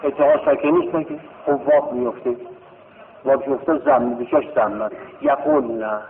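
A male teacher giving a classroom grammar lesson, drilling verb forms in a slow sing-song chant and checking with rhetorical questions. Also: medium pitch. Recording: tinny phone-like sound in a reverberant hall.

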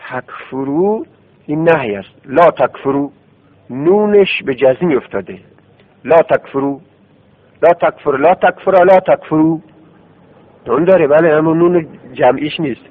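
A male teacher works through Arabic grammar step by step, repeating forms aloud as drills. His voice sits at an ordinary male pitch. The sound is thin and tinny, like an old radio broadcast. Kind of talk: classroom grammar lesson. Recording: tinny phone-like radio recording.

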